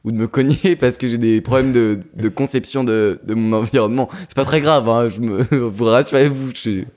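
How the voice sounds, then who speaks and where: A young man co-hosting a casual podcast, talking in a relaxed way with many hesitations and fillers. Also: medium pitch, fairly quick. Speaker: podcast co-host.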